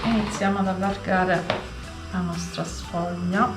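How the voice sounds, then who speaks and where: A woman guides viewers through a recipe in slow, instructional speech, describing each small step as she does it. Her mid-pitched voice sits in an echoey room, with music playing behind her. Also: steady tone. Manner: instructional, repeats and narrates each hand movement. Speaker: home cooking show host. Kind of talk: step-by-step cooking tutorial. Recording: roomy echo, music underneath.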